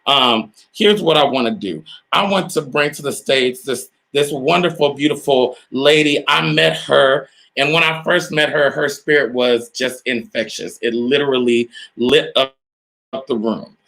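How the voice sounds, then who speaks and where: A man's voice: mid-range voice, unhurried, creaky, pushed and bright. A man hosting a casual live-stream interview, hyped and repetitive, calling out to viewers as y'all. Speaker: host.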